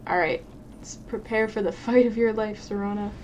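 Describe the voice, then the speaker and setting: A young woman streamer chats casually over her gameplay, mid-pitched and swearing freely. Her audio has a clear layer of background noise. She talks back to the characters on screen. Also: fairly even intonation, moderate pace, a little mellow.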